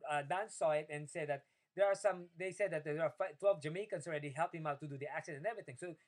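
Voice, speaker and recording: A man's voice: fast, poor audio. A man from the Philippines, speaking English as a second language, recounting his day in a rambling video diary with many fillers and restarts. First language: Tagalog. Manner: rambling, many fillers and restarts, rises in pitch when opinionated. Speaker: video diarist. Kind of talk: casual personal video diary.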